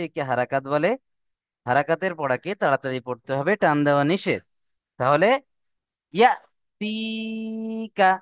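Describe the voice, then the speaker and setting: A man's voice: mid-range voice, fairly bright tone, clean tone, dry recording, clean studio sound. A man teaching Quran reading rules step by step, stretching out the example words in a sung recitation. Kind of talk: slow step-by-step lesson.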